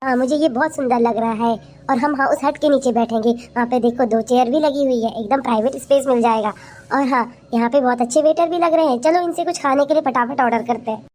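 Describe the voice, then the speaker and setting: Bossy cheeky young wife in a family skit, high-pitched and sharp-tongued, acted by a woman. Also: steady tone, quick pace. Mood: eager. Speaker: scheming daughter-in-law in a family skit. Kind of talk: amateur comic family skit.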